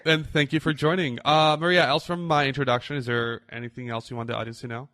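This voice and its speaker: A man's voice: medium pitch, steady tone, quick pace, pushed and bright, no room sound. A man in his thirties hosting a podcast, friendly and playful with his guest. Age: 30s. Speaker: podcast host. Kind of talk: casual podcast interview.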